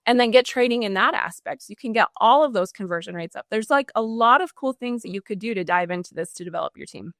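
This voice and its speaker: A woman's voice: a little high, animated, a bit bright, no echo, studio quality. A woman guest on a podcast, answering with enthusiasm in a coaching tone. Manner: enthusiastic, coaching tone with quick acted examples. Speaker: podcast guest, customer service trainer. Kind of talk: energetic interview answers.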